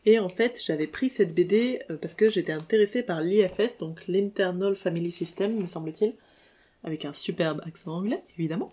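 A woman's voice: fairly low pitch, fairly quick, warm tone, breathy edge. A young woman with a French accent hosts a solo podcast in an easy, unscripted way. She hesitates often, fills gaps and corrects herself mid-phrase. Her tone is self-deprecating and chatty. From France. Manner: laughs between lines, self-deprecating. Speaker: podcast host. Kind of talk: casual solo podcast monologue.

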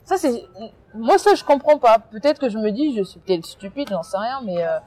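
French woman in an interview, warm mellow tone, gets emphatic, lots of restarts. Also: a little high, moderate pace. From France. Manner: animated, emphatic, talks with many restarts. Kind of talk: casual interview.

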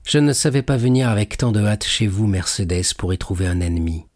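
Proud quick-tempered young sailor, storybook reading, male narrator doing him, curt, husky voice. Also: lowish voice, animated, a little mellow, dry recording, studio quality. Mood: angry.

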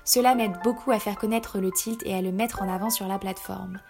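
Woman reading a podcast outro over clear music. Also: medium pitch, steady tone, fairly quick. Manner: smooth, read-from-script delivery. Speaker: podcast host. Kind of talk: scripted outro narration.

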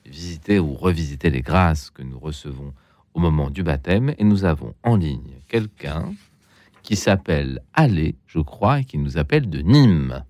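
A male radio host with a very low voice, speaking from a dry studio. He is courteous and a little hesitant, filling pauses with fillers as he guides callers through a late-night show. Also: animated, a little mellow, no room sound. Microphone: studio microphone.

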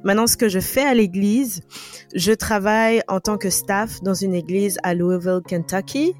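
A woman in her twenties from Burkina Faso, a podcast guest talking in a relaxed, easy conversational way and thinking aloud. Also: mid-range voice, normal speed, faint music behind. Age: 20s. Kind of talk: conversational interview.

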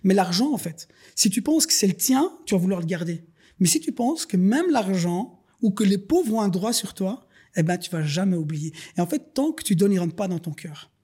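A man's voice: high voice, expressive, moderate pace, mellow, husky. A man, a podcast guest talking earnestly and at length in a casual conversation, like someone giving a sermon. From Belgium. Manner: earnest, preachy storytelling, addresses listeners as "les gars". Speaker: podcast guest, business owner.

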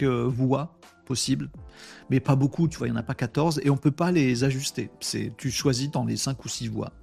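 A man's voice: mid-range voice, gravelly, slightly rough. A man hosting a casual live webinar, telling anecdotes with playful sound effects and reading out viewer comments. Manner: lively, animated storytelling with sound effects like "bim"; reads viewer comments aloud. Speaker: host of a daily live webinar. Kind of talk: casual live-stream chat.

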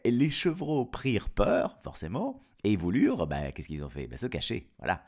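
A man's voice: lowish voice, huge pitch swings, normal speed, a little mellow. A man telling a fairy tale playfully, dropping jokey chatty asides and laughing at his own puns. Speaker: storyteller.

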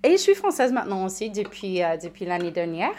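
A woman from the United States with an American accent, English her first language, speaking French as a podcast guest and telling her own story with many pauses and restarts. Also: mid-range voice, very animated, darkish tone, slight background noise. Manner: hesitant, many restarts and fillers. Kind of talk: personal testimony in conversation.

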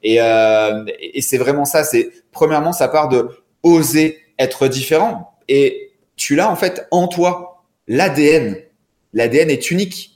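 A man's voice: fairly high pitch, a little slow, darkish tone. Chatty man in an echoey room. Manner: rambling, chatty, many restarts. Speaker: podcast guest. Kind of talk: casual chat. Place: apartment room.

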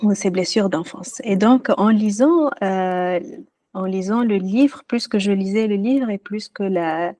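A woman guest telling her personal story in a casual interview, earnest and reflective, often pausing to search for words. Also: mid-range voice, dark tone, no echo. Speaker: podcast guest, music therapist.

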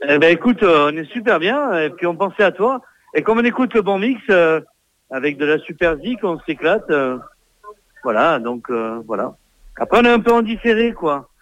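A man's voice: on the high side, expressive, normal speed, a bit bright, dry recording. A man calling in to a radio show, heard over a phone line from off-mic, chatting casually and rambling with many hesitations. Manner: rambling, full of hesitations and fillers. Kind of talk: casual phone chat with the host. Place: calling in from a festive gathering with friends.

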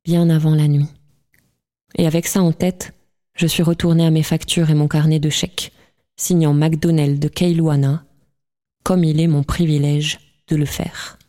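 A woman reading a novel aloud as an audiobook in a calm, measured way. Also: low voice. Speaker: audiobook reader. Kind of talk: scripted literary narration.

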